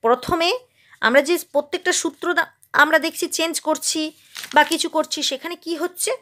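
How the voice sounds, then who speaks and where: A woman's voice: high-pitched, normal speed, pushed and bright. A woman from West Bengal teaching a Sanskrit grammar lesson, asking her own questions and drilling verb forms.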